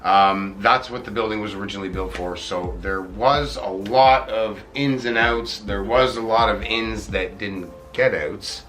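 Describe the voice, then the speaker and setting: A man from Canada co-hosting a paranormal show, talking in a relaxed way with many fillers. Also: lowish voice, a little slow, hardly any pauses, soft background music. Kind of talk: casual co-hosted narration.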